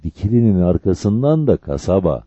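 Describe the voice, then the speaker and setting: A man voicing an eager young village man who answers in brisk, terse replies, in a dull lo-fi recording. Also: sits low, sing-song, mellow, no echo.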